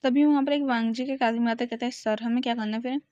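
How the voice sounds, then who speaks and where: A woman's voice: a little high, fairly even intonation, fast talker, darkish tone, no echo. A woman casually retelling a fan story and speaking the characters' lines in her own voice, often stopping to restart. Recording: dry, dull lo-fi recording.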